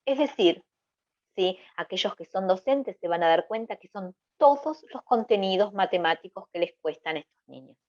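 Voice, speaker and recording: A woman's voice: medium pitch, lively intonation, normal speed, a little mellow. A woman presenting an educational webinar. She asks questions aloud and answers them herself, checking in with her listeners as she explains. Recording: dull lo-fi webinar audio.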